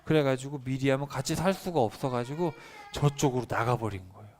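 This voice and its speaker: A man pastor tells a Bible story to children. He keeps it lively and asks them questions as he goes. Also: mid-range voice, a little fast.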